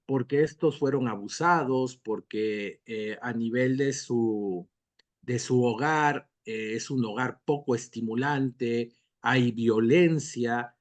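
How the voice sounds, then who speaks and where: A man, a doctor and guest expert, giving calm, lecturing answers in an interview and acting out short dialogues as examples. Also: medium pitch.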